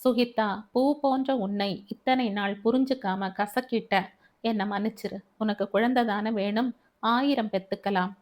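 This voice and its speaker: Lady narrator doing a sneaky abusive husband, bossy then sugary, audiobook, normal pitch. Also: fairly even intonation, a little slow, darkish tone, lightly acted. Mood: sweet-talking. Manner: shifts between cold orders and tearful sweet talk. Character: manipulative abusive young husband, scheming and false.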